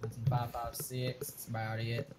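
A man's voice: medium pitch, monotone, moderate pace, a crowd in the background. A man in a squad game, cracking crude jokes, swearing and signing off lines with 'over'. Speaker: gamer in a squad. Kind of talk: casual game chat with mock military radio talk. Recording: noisy headset audio.

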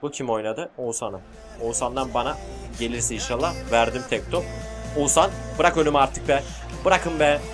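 A man casually commentating his own football video game, joking and yelling when he scores. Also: medium pitch, fairly quick, music in the background. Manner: excitable, shouts at goals, jokey. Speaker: gaming YouTuber.

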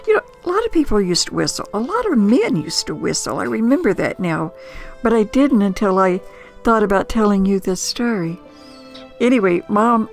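Recalling her memories in the first person, an older woman from the United States speaks with an American accent in a mid-range, creaky voice. Her manner is unhurried, reflective and conversational, with frequent pauses.

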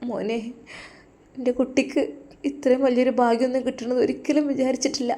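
A woman voicing a humble, tearful old father who speaks softly and haltingly. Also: sits high, flat delivery, natural voice. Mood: moved.

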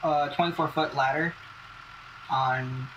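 A man's voice: a little high, steady tone, slow pace. A man playing a firefighter in an online game, mixing casual gamer chat with short radio-style call-outs. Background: game vehicle noise and ambience.

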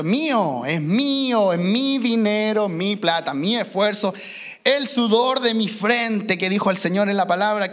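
Male pastor, high voice, emphatic sermon delivery with slow stressed phrases. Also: fairly bright tone. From Chile. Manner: emphatic, slows down for key phrases, mimics children. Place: church.

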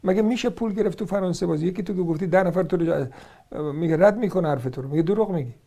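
A man's voice: high voice, gravelly, mellow. A man with an Iranian Persian accent giving argumentative religious commentary, sarcastic and combative, firing off rhetorical questions as he rebuts points one by one.

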